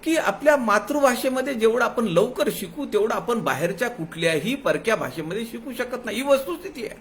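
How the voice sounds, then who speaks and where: A man giving a devotional discourse as a spiritual teacher, explaining patiently, chanting verse lines slowly and dropping folksy asides. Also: very high voice, expressive, a little hiss or hum.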